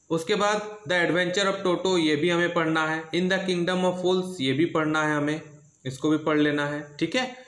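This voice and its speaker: A man's voice: fairly high pitch, fairly bright tone, roomy sound. A male English teacher walks students through a syllabus. He speaks steadily and repeats himself, checking in often with "theek hai". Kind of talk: syllabus walkthrough lesson.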